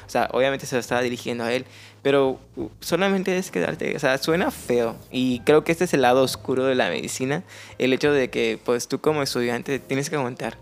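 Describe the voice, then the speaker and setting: A man's voice: mid-range voice, a little fast, creaky. A man with a Mexican accent, chatting frankly as a podcast guest and telling stories with casual slang. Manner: storytelling, frank and conversational with slang. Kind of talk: casual chat.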